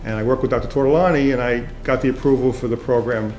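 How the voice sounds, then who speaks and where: A man's voice: medium pitch, fairly even intonation, fast talker. A man giving emphatic praise of a colleague in an interview. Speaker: hospital leader. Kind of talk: tribute interview. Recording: roomy echo. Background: soft background music.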